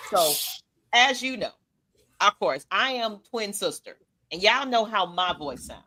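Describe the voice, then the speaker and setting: A woman co-hosting a casual fan chat on a podcast laughs often and keeps things loose and chatty. Her low-toned voice is animated, pushed and bright, and a little slow.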